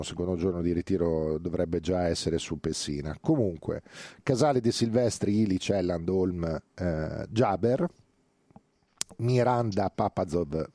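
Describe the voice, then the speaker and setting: Deep-voiced chatty Italian radio sports host. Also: male voice, dark tone, no echo. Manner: chatty, digressive, frequent hesitations and fillers. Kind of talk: casual radio sports talk. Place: radio studio.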